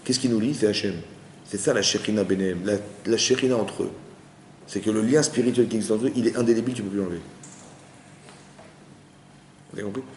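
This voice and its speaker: Male rabbi, quick conversational teaching style, recorded in a reverberant hall. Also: on the low side, slight background noise. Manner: lively, conversational, often asks the audience if they follow. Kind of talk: informal Torah class. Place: study hall with audience. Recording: roomy hall with long reverb.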